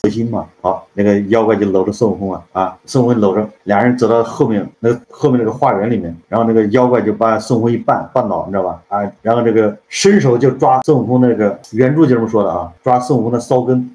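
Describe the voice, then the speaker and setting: A man's voice: on the low side, fast, few pauses, mellow. A man retelling a classic tale in a chatty, casual way, often checking in with the listener. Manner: chatty, keeps asking "you know?". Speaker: storyteller. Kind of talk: casual storytelling. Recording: dull lo-fi sound with faint noise.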